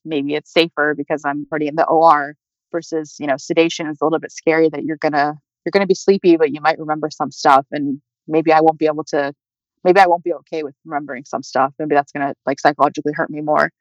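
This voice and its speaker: A woman's voice: low-pitched, fairly even intonation, quick pace, dry recording. A young woman recounts her own painful experience in a loose, conversational way, full of fillers and small nervous laughs. Her voice climbs and strains toward tears as she goes on. The recording is dry and a little muffled, with no room sound. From California. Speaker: guest telling her story. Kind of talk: personal storytelling. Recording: dry, slightly muffled audio.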